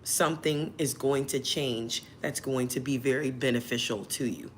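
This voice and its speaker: Hoarse woman hosting a tarot live. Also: a bass voice, moderate pace, slight background noise. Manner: chatty, often checks in with "okay?" and "guys". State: hoarse, recovering voice. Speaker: tarot reader and channel host. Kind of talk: livestream tarot reading.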